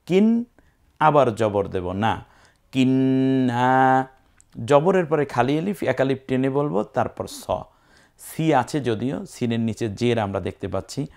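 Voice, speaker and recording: A man teaching Quran recitation step by step, spelling out sounds patiently and now and then chanting whole words in a drawn-out tone. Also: mid-range voice, gravelly, darkish tone.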